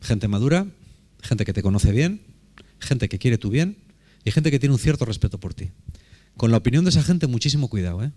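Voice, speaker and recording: A man's voice: medium pitch, very animated, fairly quick, long pauses, mellow. A man preaching a sermon in a conversational, emphatic way, often asking rhetorical questions.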